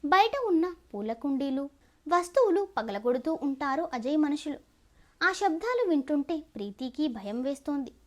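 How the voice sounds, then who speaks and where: A woman narrating a scripted audio story in an expressive, dramatic way. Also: high-pitched.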